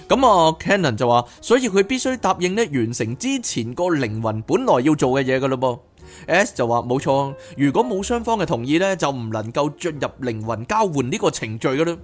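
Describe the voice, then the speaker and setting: A man reads a book aloud as podcast host and breaks off into animated, chatty asides. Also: mid-range voice. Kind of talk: reading a book aloud with commentary.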